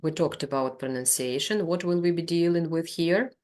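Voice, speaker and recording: A woman's voice: deep voice, moderate pace, a little mellow. A woman with a Ukrainian accent running a teacher-training lesson, patiently repeating words to model their pronunciation.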